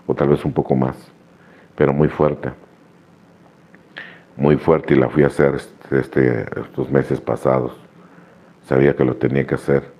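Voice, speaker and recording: A man's voice: rumbling low, mellow. A man giving an earnest, repetitive personal testimony at a recovery meeting. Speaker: recovering member sharing his story. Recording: dull lo-fi radio recording.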